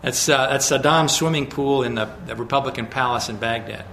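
A man giving a public lecture with slides, in a measured, emphatic way with frequent restarts and fillers. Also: medium pitch, fairly bright tone, reverberant, slight background noise.

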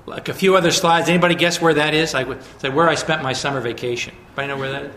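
A man giving a public lecture with slides, in a measured, emphatic way with frequent restarts and fillers. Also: a little high, fairly even intonation, pushed and bright, reverberant, a little hiss or hum.

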